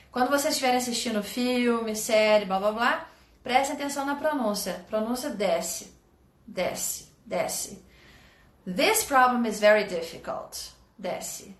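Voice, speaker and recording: A fairly high-voiced woman from Brazil teaches a live English lesson online, lively and encouraging as she reads out viewers' sentences. Her voice rings in an echoey room.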